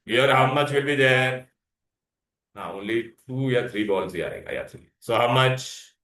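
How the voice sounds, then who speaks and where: Male teacher, Indian accent, bright forceful voice, roomy echo. Question-led classroom delivery, English with Hindi words mixed in. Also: mid-range voice, normal speed. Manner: asks frequent questions, prompting for answers. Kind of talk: interactive classroom science lesson. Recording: echoey, roomy sound.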